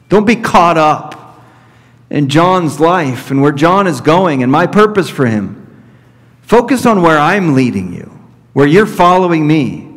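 A pastor in his thirties delivers an expository sermon from a church pulpit, teaching slowly and deliberately and returning to each point. His voice is slightly high for a man, and the long reverb of the sanctuary rings around him. A fixed camera captures him from middle distance.

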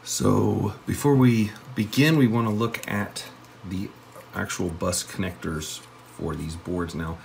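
A man's voice: on the low side, steady tone, slow pace, gravelly, darkish tone, slight background noise. A man casually talking through an electronics kit build at his workbench, thinking aloud with plenty of fillers. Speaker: electronics hobbyist host.

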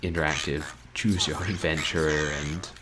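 Hosting a livestream from his small bedroom, a gaming streamer in his thirties speaks at normal speed in a rumbling low voice with fairly even intonation. His casual chat with viewers is wry, self-deprecating and wordy, carried over a noisy home webcam feed.

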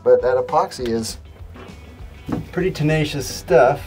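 A man in his forties calmly explaining each step of a repair job while he works in a boat shed. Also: a little high, unhurried, faint music behind. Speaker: boat restorer. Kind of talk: how-to narration while working. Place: boat shed with timber frame, indoors.

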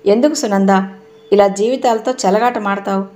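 A woman's voice: mid-range voice, fairly even intonation, normal speed, dark tone, close to an everyday voice. A woman narrator voicing a stern, sarcastic young husband who fires accusing questions.

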